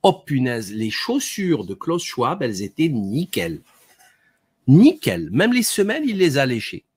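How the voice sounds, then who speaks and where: A man's voice: mid-range voice, wildly swooping pitch, moderate pace, slightly rough, no room sound, studio quality. A man giving sarcastic, mocking commentary on a live stream.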